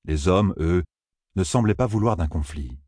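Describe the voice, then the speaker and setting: Man reading a story, husky voice, pitch going all over, dry close sound. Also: moderate pace, no room sound. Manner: lively, expressive reading. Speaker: audiobook narrator. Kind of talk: scripted narration.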